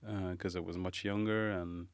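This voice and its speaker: Low, smooth-voiced man, halting speech. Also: little pitch movement, no echo. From Morocco. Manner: thoughtful, halting, many fillers. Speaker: guest, pastry chef. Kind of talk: casual interview.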